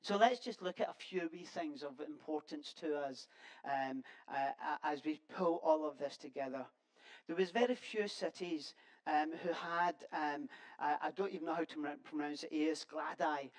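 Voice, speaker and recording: Preacher, sermon, conversational and earnest, halting delivery with frequent restarts. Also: medium pitch, poor audio.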